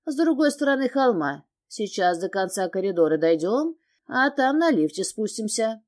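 A woman reading the part of a husband who is a doctor, speaking curtly and gruffly in her own mellow voice. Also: medium pitch, big pitch swings, moderate pace, close to an everyday voice. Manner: gruff and curt.

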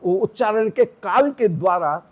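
Slow breathy high-voiced male teacher. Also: expressive, muffled recording. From South India roots. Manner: explanatory, demonstrates Vedic pronunciation. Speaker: religious teacher. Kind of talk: devotional scripture discourse.

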